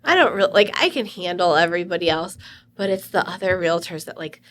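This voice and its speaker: A woman in her thirties, a realtor co-hosting a podcast, chatting casually and telling animated stories with frequent laughter. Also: on the low side, a little fast, slight background noise. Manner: animated storytelling, laughs often. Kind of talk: casual chat.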